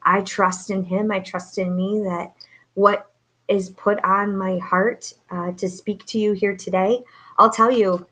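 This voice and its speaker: Her mid-range voice is a bit bright, steady in tone and measured in pace, though the audio quality is poor. She is a woman coach hosting a live online motivational talk from a home setup with no studio, upbeat and preacherly with lots of fillers.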